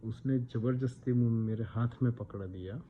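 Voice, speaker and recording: A man's voice: medium pitch, normal speed. A man in his thirties from India, telling a personal story in a casual vlog, chatty and dropping English words into his talk. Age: 30s. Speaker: vlogger. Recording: slightly dull sound with faint background noise.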